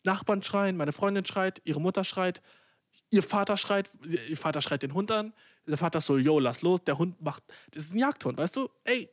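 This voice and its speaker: A young man with a slightly high voice tells a comic anecdote in a loose, rambling way. His speech is full of slang, swear words and English words, with frequent restarts. The recording is dry, with no room sound. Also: dry recording. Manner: rambling with many fillers and restarts. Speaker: storyteller.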